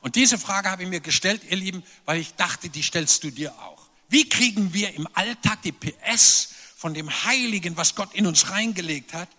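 A man preaching a sermon, animated and emphatic, with playful asides to the congregation. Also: high voice, moderate pace, few pauses. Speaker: pastor. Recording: long reverb of a large hall.

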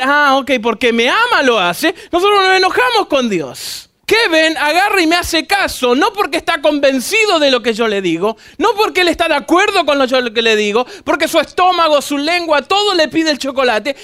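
Man, very high-pitched voice, pastor, sermon, lively and joking. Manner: lively and joking, acts out dialogues with the congregation.

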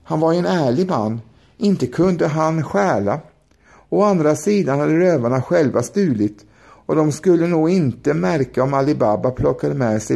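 A male storyteller reads a children's fairy tale in a gentle, playful way. His voice is gravelly and mellow, with a dark, warm tone. He keeps it at an unhurried bedtime pace. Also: medium pitch.

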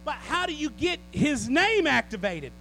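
Male preacher, high voice, very animated delivery; faint hum underneath. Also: normal speed, vocal fry, low-quality recording. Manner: animated preaching that swings from loud declarations to low asides with the congregation. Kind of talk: sermon.

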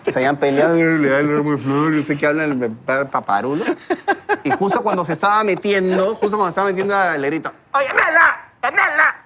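A man, a guest in a casual chat, telling animated stories and acting out what people said. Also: on the high side, fast, noisy background. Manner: animated storyteller, acts out quotes.

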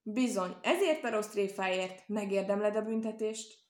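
A woman voicing a gentle, timid male bear in a storybook reading, speaking hesitantly. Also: medium pitch, lightly acted. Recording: roomy echo.

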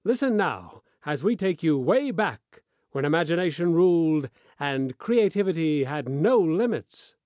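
A man with a high, lively voice delivers a theatrical, sweeping show introduction. The sound is close and completely dry. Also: measured pace, no echo. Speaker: show host.

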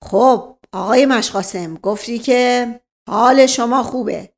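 A woman's voice: a little high, darkish tone, close to an everyday voice. A woman voicing a blustering male police inspector who barks short commands. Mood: mock-polite.

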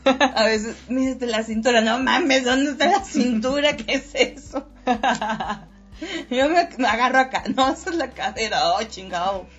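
Mexican podcast host girl, high voice, swears a lot, laughs, muffled audio w/ faint music. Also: lively intonation, measured pace, slightly rough. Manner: crude slangy banter with frequent laughing. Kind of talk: casual podcast chat.

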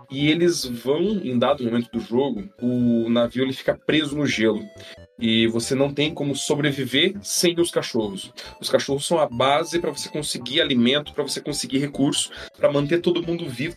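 A man with a Brazilian Portuguese accent, telling a story emotionally on a casual podcast and repeating his phrases. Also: medium pitch. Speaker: podcast panelist.

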